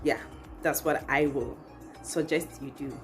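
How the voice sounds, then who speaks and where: A young adult woman with a Ghanaian accent hosts her channel, talking casually and expressively to camera in her living room over background music. Her voice sits low, with fairly even intonation and a slightly slow pace.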